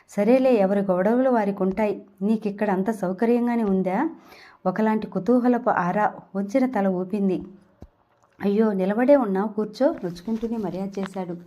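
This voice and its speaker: A woman narrating a novel as an audiobook, reading in a steady storytelling way. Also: mid-range voice.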